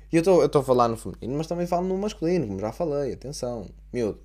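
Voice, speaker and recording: A man's voice: medium pitch, expressive, fast, a little mellow. A young man with a European Portuguese accent talks through a casual solo podcast monologue. He rambles from point to point, jokes with himself and swears freely. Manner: rambling, profane, jokey. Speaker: podcast host.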